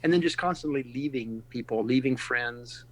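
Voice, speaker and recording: A middle-aged pastor from California and Texas, USA, speaks earnestly and reflectively in a casual podcast interview, pausing often and restarting his sentences. His voice is mid-range, and the recording quality is low.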